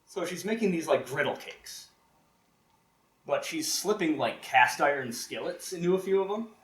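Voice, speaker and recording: A man telling folklore stories live at a convention, casual and animated, laughing often and saying "like" a lot. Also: on the high side, moderate pace. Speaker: storyteller. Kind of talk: live storytelling talk. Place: convention room, live audience. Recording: ambient roomy live recording.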